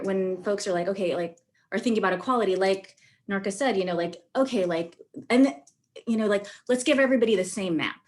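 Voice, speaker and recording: A woman panelist speaking on a video call, thinking aloud in halting phrases full of fillers. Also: mid-range voice.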